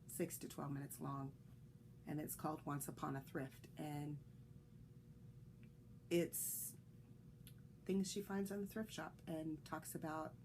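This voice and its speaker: A woman with a deep, slightly mellow voice chats casually alone on her knitting podcast, rambling through fillers and restarts. She's a little congested and coughs, and there's slight background noise.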